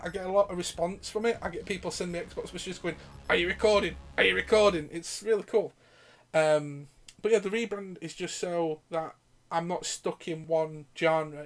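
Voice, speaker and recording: A man's voice: on the high side, steady tone, moderate pace, a little mellow. A man hosting his gaming channel, casually answering viewer questions while giving live gameplay commentary. He rambles, swears freely and laughs often.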